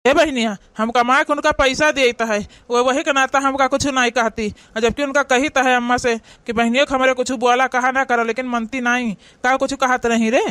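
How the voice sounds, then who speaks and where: This is a kind, calm young village brother in a cartoon, voiced by a woman. He speaks in a very high, bright and smooth voice with an Awadhi accent. The recording is dry and close. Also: moderate pace, hardly any pauses, no room sound. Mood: reassuring. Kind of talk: cartoon voice acting.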